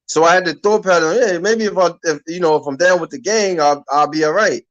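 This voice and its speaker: A man in his thirties from Harlem hosts a talk-radio conversation, and his voice sits notably high for a man. He talks casually and loosely in street slang, often starting a sentence over before he finishes it. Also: fairly quick, fairly bright tone, muffled recording. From Harlem, New York. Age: 30s. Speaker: radio show host.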